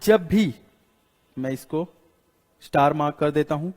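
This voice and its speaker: A man's voice: fairly high pitch, a little slow, a little mellow. A man with an Indian accent teaching an English lesson, repeating rules and quizzing students as he writes on the board. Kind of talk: classroom lecture in Hindi. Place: classroom with a board. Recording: long hall reverb.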